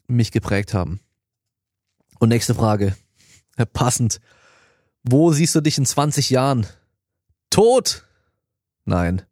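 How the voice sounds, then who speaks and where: A man's voice: lowish voice, darkish tone, no room sound, studio quality. A man in his thirties hosting a podcast, answering listener questions in a loose, colloquial way. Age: 30s. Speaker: podcast host and strength coach. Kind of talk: casual podcast Q&A.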